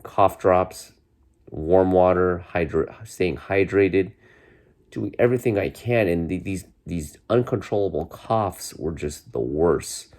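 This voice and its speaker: This is a vlogger in his forties talking to his viewers indoors from his bedroom, his deep voice stuffy from a cold he's recovering from. He speaks slowly in a darkish tone, rambling through a casual chat full of fillers and false starts.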